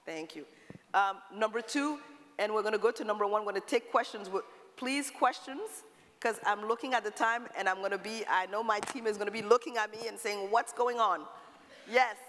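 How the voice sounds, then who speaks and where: A woman's voice: mid-range voice, brisk, a bit bright. A woman moderating audience questions at a conference, chatty, with joking asides and apologies. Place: large conference hall stage. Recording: reverberant hall with faint audience noise.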